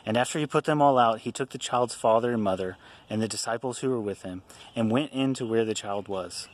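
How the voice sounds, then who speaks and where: A man giving an informal reflection on scripture readings. He reads the passages slowly and then talks loosely with many pauses and fillers. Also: mid-range voice. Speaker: teacher giving a devotional.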